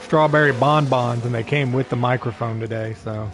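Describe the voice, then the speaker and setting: Gravelly-voiced man casually streaming a game. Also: medium pitch, normal speed, over music. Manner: rambling, easygoing, talks to a friend on a call. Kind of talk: casual live-stream chat.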